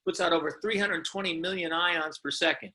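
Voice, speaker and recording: Pitching products for his company, a man gives an informal sales presentation that is emphatic and insistent, regularly punctuated by rhetorical questions. His voice is a little high and brisk, bright and forceful, with fairly even intonation.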